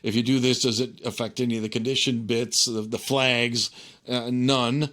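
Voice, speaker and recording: A man teaching an informal technical tutorial, thinking aloud in a conversational way and often checking in with a quick okay or right. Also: medium pitch, level tone, a bit bright. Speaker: instructor.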